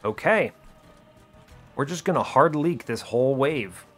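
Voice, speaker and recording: With music underneath, this man provides casual commentary on gameplay, keeping his remarks short, dry and understated. His medium-pitched voice is fairly bright, with lively intonation and a measured pace.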